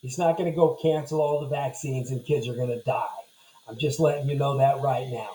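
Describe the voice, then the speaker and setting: A man's voice: mid-range voice, fairly even intonation, brisk, dark tone, echoey room, low-quality recording. Blunt rambling man in his fifties. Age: 50s. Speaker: vlogger. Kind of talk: casual personal monologue to camera.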